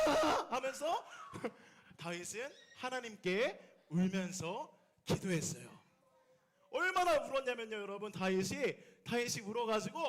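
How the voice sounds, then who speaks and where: A young man preaching a children's sermon, animated and often asking the children questions. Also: extremely high pitch.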